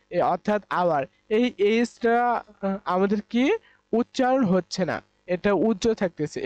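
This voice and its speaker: A teacher from Bangladesh walks students through exam grammar, asking a question and then answering it, circling back over the same point. The voice sits at a middle pitch and comes through a dull, dry close-mic recording. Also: darkish tone, dry recording. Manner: repetitive, asks and answers own questions. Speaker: English teacher. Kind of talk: exam-prep lesson in Bengali.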